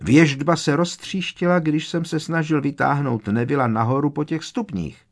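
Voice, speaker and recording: A man voicing a defiant teenage boy wizard who shouts back at his foe. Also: on the high side, pitched above the performer's own voice.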